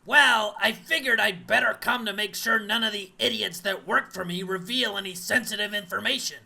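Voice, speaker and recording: Woman as a snooty boss, gravelly and sharp, talks down to everyone. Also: mid-range voice, normal speed, full character voice. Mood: scornful. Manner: condescending, muffled by a face cast. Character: haughty, scornful woman boss.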